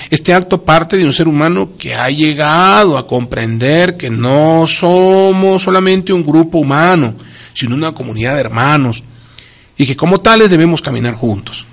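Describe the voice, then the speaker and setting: A man's voice: on the high side, a bit bright. Emphatic man giving religious talk. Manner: emphatic, preacherly, repeats key phrases.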